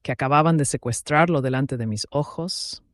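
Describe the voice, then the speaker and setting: A man narrating a first-person dramatic story in a calm, even way. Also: mid-range voice, moderate pace, no echo, studio quality.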